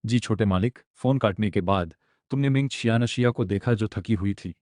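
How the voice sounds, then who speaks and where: A man narrating a comic-style story recap in a steady, dramatic storytelling manner. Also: on the low side, normal speed, no room sound.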